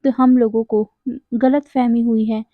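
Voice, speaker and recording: A woman's voice: a little high, level tone, a little slow, no room sound, phone-quality sound, close to an everyday voice. A woman voicing an earnest, reassuring young man in a plain reading voice. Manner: plain reading voice, barely changed.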